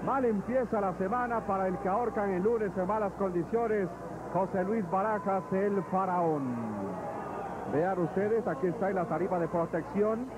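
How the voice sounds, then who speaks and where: A man's voice: sits high, steady tone, moderate pace. A man with a Mexican accent working as a wrestling commentator, calling a match live. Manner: narrates moves and recounts fighters' past bouts. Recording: noisy old television broadcast audio.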